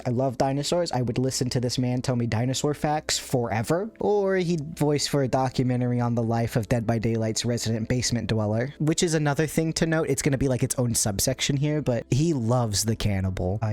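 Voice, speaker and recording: A man talks through a video essay in a friendly, easygoing way, full of playful self-aware asides. His voice sits in a mid pitch, and light background music plays softly under him. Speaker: content creator. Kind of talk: voice-over video essay about a streamer. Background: faint background music.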